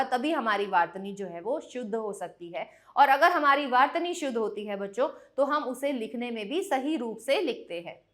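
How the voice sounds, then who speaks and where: A woman's voice: on the high side, fairly bright tone. Woman teaching a grammar lesson. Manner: explains step by step, repeating terms and asking the class questions; sounds out letters slowly one by one.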